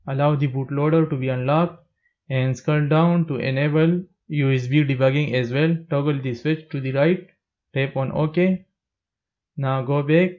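A man narrating a step-by-step tech tutorial as a plain, steady voice-over. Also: a little high, muffled recording.

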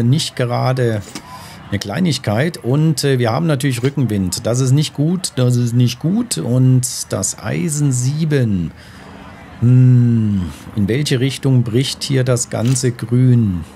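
Faint golf game ambience sits behind a gaming host's casual let's-play commentary as he mulls over his moves out loud. His voice is mellow and medium-pitched, with some vocal fry.

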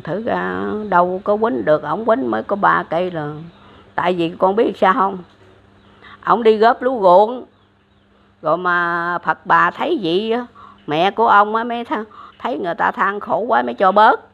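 A woman's voice: mid-range voice, normal speed, gravelly, fairly bright tone. An older woman with a Southern Vietnamese accent, casually retelling a religious legend, rambling with many fillers and restarts. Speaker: elderly storyteller. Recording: dull lo-fi recording.

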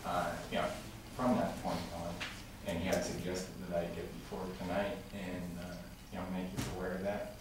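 A man making a halting public comment to a city council, full of fillers and restarts. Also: deep voice, completely flat delivery. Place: large council chamber with tall windows. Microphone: room mic from far off. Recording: echoey chamber recorded from far off with noise.

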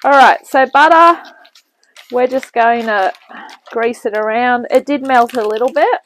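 A woman's voice: a little high, measured pace, fairly bright tone, slight background noise, poor audio. A woman hosting a home cooking demonstration, talking casually with rambling asides as she works, heard from a camera in a home kitchen. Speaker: cooking show host. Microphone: camera mic, off-screen speaker at the bench.

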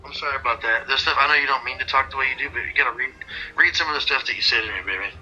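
A man's voice: medium pitch, racing, bright, forceful tone, faint music behind, poor audio. A man talking casually on a call, his voice coming through a phone speaker, teasing and defensive. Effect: heard through a phone speaker. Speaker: husband on a video or phone call. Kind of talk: casual chat.

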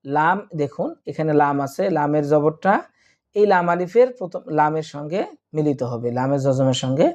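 A man teaching Quran reading, going letter by letter through each verse and then chanting it whole. His voice is dark and mellow, set a little high for a man, and he speaks very slowly and patiently, as if to beginners. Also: lo-fi sound. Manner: spells letters and vowel marks one by one, then chants the joined verse; patient, addresses students directly. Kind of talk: slow spelled-out Quran reading lesson.

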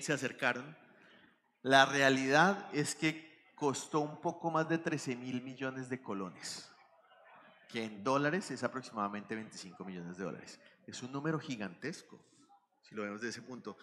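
On a conference stage, a middle-aged man with a Colombian accent explains his topic and puts questions to the audience. His voice is medium-pitched and fairly bright, heard in a reverberant hall with faint ambience.

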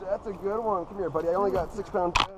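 A man's voice: high-pitched, steady tone, fast talker, a loud crowd. A young man hosting a fishing vlog from a small boat on a river, chatting and joking in a laid-back way, recorded by an action camera. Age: young adult. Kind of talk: casual chat. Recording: noisy outdoor camera audio.

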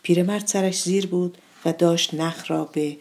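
Woman reading her own short story, calm and measured, husky-ish voice. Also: fairly low pitch. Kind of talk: literary narration.

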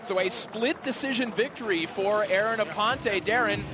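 A man's voice: high voice, moderate pace, background noise. A man giving live play-by-play boxing commentary in a polished, descriptive broadcast style. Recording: loud music and crowd behind voice. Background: arena crowd and music.

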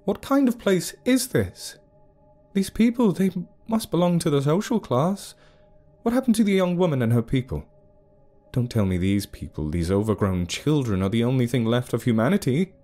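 A man's voice: fairly high pitch, big pitch swings, takes it slowly, long pauses, warm tone, faint music behind, voice pushed up, heavily acted. A man playing a pleading, agitated priest. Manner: pleading, raised and strained.

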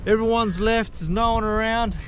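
A man's voice: sits high, fairly even intonation, normal speed, fairly bright tone. A man chatting to viewers while fishing from a rock wall by the sea. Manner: chatty, upbeat, talks to viewers as guys and homies. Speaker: fishing vlogger. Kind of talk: casual narration to camera while fishing. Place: outdoors on a rock breakwall by the sea. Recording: outdoor wind noise on the mic. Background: wind and water noise.

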